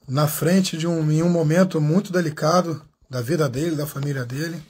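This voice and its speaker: The speaker is a Brazilian man, the channel's host, talking in a relaxed way on a live interview stream; he calls out viewers by name to thank them and keeps starting his sentences over. His voice runs high, a little mellow and breathy, with a Brazilian Portuguese accent.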